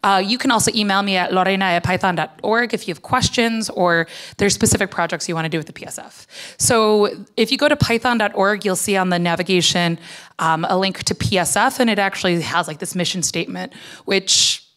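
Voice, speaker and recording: A woman's voice: medium pitch, fairly quick, fairly bright tone. Woman in her 30s doing a casual lightning talk on stage, chatty, says like a lot, handheld mic. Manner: conversational, peppers speech with "like". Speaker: conference speaker, foundation director. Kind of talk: informal lightning talk to an audience. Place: on stage at a conference hall lectern. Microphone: handheld microphone.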